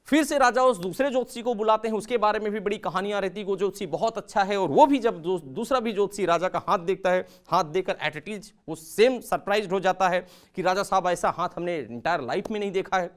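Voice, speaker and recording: A man working as a communication trainer, giving a motivational talk that includes a story. He tells it dramatically, with sudden jumps in loudness and pitch, and speaks to viewers as friends. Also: fairly quick, hardly any pauses. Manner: addresses viewers as friends, mixes English words into Hindi.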